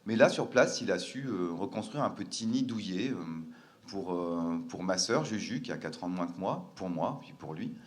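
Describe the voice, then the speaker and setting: A man's voice: low voice, lively intonation, normal speed. A man from France telling a personal family story, earnest and hesitant, with frequent fillers and restarts.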